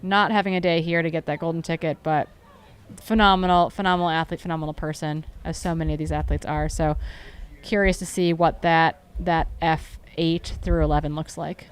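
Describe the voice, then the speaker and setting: A woman's voice: low voice, steady tone, fairly quick, smooth. A woman commentating a live trail race, chatty and upbeat, often correcting herself.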